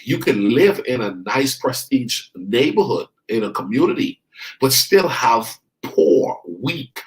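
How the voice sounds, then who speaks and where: A Bahamian man, a life coach, preaches a motivational sermon straight to his listeners, repeating lines for emphasis and slowly drawing out key words. His voice is mid-range, and the audio is poor.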